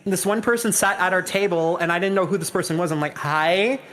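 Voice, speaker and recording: Panelist, twenties, Canadian man, high pitch, rambling anecdote delivery. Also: fairly quick, fairly bright tone. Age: 20s. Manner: rambling storyteller with many fillers. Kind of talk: casual panel chat. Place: virtual reality social event.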